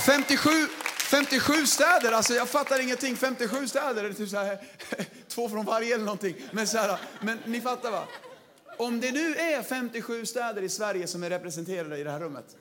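A man preaching a lively sermon to a big gathering, energetic and playful, sometimes shouting to stir up the crowd. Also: sits high. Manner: energetic, shouts to rouse the audience, playful slang. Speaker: pastor.

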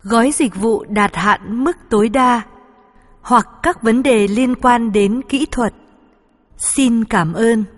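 A woman's voice: on the high side, slow pace. A woman speaking as a flight attendant, reading formal, polite scripted in-flight announcements. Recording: long hall-like reverb.

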